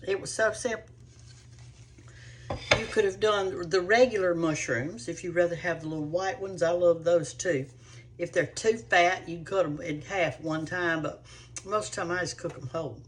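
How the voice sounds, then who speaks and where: A woman's voice: on the low side, fairly even intonation, moderate pace. A woman hosting a cooking show, chatting to viewers in a rambling, homespun way. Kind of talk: casual chat to viewers.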